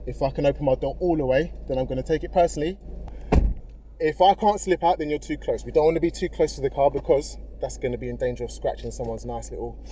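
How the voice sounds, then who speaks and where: A man's voice: a little high, fast talker, mellow. A man working as a driving instructor, giving casual, encouraging step-by-step instructions and often checking that the learner follows. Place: inside a car in a car park. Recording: vehicle noise in background.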